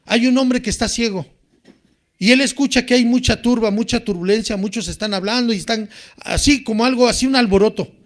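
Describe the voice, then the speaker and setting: A man preaching a sermon in an animated way, rising to near shouts when he quotes people crying out. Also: very high-pitched, brisk. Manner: animated, rises to shouting when quoting cries.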